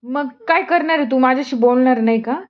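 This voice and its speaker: A woman talking to her young son for viewers in a casual family vlog, coaxing him with gentle, repeated questions. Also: sits high, a little fast, dull audio. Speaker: mother filming her child for viewers.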